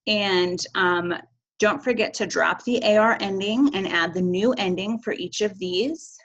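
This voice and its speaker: A woman's voice: medium pitch, unhurried, highs cut off. Upbeat woman teaching a recorded lesson. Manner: chanting verb endings, upbeat and encouraging. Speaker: Spanish teacher. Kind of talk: recorded classroom video lesson.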